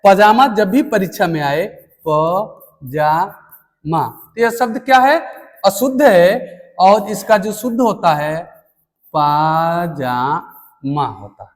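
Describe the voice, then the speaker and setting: A man teaching a spelling lesson at a board, speaking deliberately and repeating words for emphasis. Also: high voice. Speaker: Hindi teacher. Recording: long room reverb.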